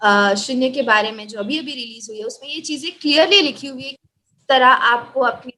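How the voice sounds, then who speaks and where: A woman hosts an online gathering and explains each point fluently in a higher voice. Her tone is bright and crisp. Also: moderate pace, slight background noise. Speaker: host and interpreter. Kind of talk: hosting and translating a virtual gathering. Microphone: video call.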